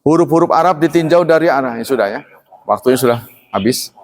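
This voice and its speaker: An older man teaching a recitation class, reading definitions aloud and slowly drawing out example words. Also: mid-range voice, lively intonation. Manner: slow drawn-out demonstrations of Arabic recitation; reads definitions aloud, then explains casually. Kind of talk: classroom tajwid lesson. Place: mosque or study hall. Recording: reverberant hall.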